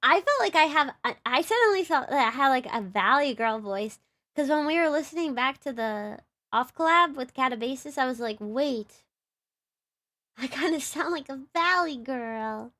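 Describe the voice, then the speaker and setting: High-voiced bubbly Texan woman streamer. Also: expressive, normal speed, sharp tone. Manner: bubbly, giggly and rambling, full of "like". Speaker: livestreamer and VTuber. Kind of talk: casual live-stream chat.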